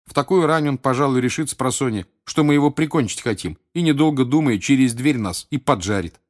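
A man's voice: medium pitch, a little fast, voice pushed up, close to an everyday voice. A man voicing an eager, direct teenage schoolboy wizard in an audiobook, raised somewhat above his own voice. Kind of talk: audiobook character voice.

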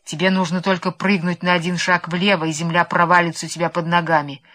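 A woman voicing a male mole who speaks from under the ground, in a muffled, low and slow voice. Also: little pitch movement, a bit bright, close to an everyday voice. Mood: steady.

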